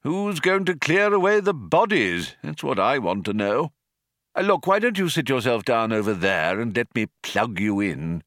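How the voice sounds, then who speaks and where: A man's voice: mid-range voice, sing-song, moderate pace, a bit bright, dry recording, clean studio sound. A man voicing a fussy, rambling old man who frets aloud and chats as he potters. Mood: fretful. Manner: fretful, pottering, chatty.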